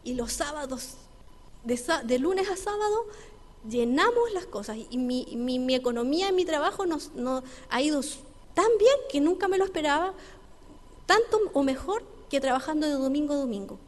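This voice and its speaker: Eager, grateful businessman, as a woman pastor voices him, higher and louder, in a reverberant church. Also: normal speed. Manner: brighter, louder, more animated than her narration. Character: male restaurant owner, eager, grateful, sincere. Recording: reverberant church hall with faint ambience.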